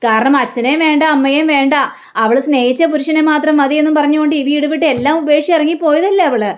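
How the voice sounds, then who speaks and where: A woman's voice: high voice, lightly acted. A woman voicing a stubborn, resentful middle-aged father who speaks bitterly and firmly.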